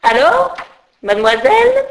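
A woman's voice: high-pitched, huge pitch swings, a little slow, voice pushed up, full character voice. A woman voicing a strict old fairy schoolmistress with a sour, piercing voice who scolds and barks orders in a storybook reading. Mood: scolding.

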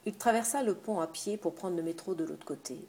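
A woman narrating a novel in a steady, even reading voice. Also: lowish voice, fairly quick. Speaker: audiobook narrator.

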